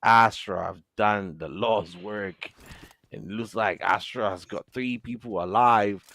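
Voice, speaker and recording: Excitable deep-voiced male esports caster. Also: slight background noise. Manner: excitable, bursts into loud exclamations. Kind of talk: play-by-play esports commentary.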